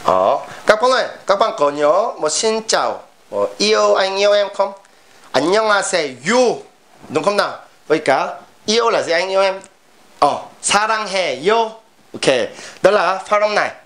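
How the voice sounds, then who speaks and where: A man's voice: sits high, big pitch swings, normal speed, few pauses, a bit bright. A Korean man with a Korean accent teaching pronunciation in a lesson, modeling sounds over and over. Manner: drills sounds with repeated modeling.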